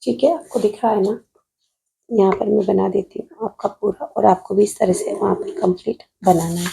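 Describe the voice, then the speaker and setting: A woman's voice: mid-range voice, steady tone, normal speed, gravelly, dark tone, slight background noise. A woman math teacher with a Rajasthani Hindi accent, patiently solving an exam paper on video while writing at a desk and calling her students "beta".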